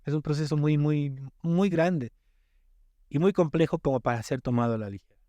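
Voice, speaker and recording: A man's voice: fairly high pitch, normal speed, warm tone, no echo. A man from the Ecuadorian coast, a music producer talking as a podcast guest in an emphatic, explanatory way, often repeating words as he starts. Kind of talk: casual podcast chat.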